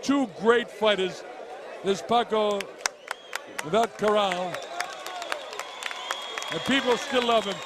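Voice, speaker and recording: A man commentates on boxing in a very high, raised voice. He explains replays emphatically and repeats his key points, over a light crowd murmur at ringside. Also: slow, long pauses. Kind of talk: live fight commentary with replay analysis. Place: ringside at an arena. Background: crowd noise.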